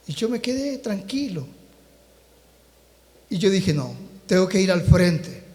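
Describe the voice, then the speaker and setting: A man preaching in a church with a strikingly high voice that rings out with long reverb. He tells his testimony with fervent, storytelling passion and keeps turning to the congregation as brothers and sisters. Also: darkish tone. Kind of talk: sermon with personal testimony. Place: church sanctuary.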